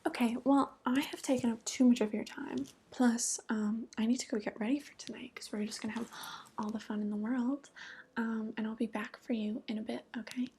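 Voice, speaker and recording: Woman acting as female devil, flirty ASMR role-play, husky and breathy, slightly high, creaky edges, teasing. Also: fairly even intonation, a little fast, a little mellow. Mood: casual, teasing.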